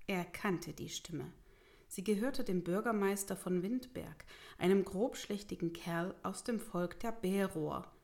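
A woman reading a fantasy story aloud in a soft, measured narration. Her voice sits at an ordinary middle pitch, and some phrases drop to a breathy near-whisper.

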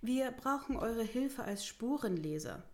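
A woman doing a bulky bearded mayor from a fantasy story, formal and a bit pompous, uneasy but insistent, lifted in pitch above her plain reading voice. Storybook character read aloud, never fully out of her own voice. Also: expressive, measured pace, a little mellow. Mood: formal pleading. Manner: formal, pleading, huffy. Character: burly bearded male village mayor, stiff and uneasy.

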